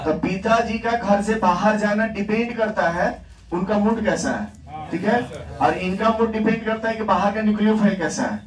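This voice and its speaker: A man's voice: high-pitched, moderate pace, a crowd in the background. A man teaching a chemistry class in Hindi, asking the students questions and answering them himself, repeating key words for emphasis. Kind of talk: classroom lecture. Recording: echoey classroom, distant mic, background noise.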